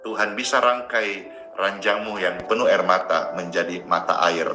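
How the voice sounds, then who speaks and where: A man's voice: deep voice, fairly even intonation, normal speed, bright, forceful tone, roomy sound, poor audio. A male pastor preaching a sermon to viewers in a chatty, joking way.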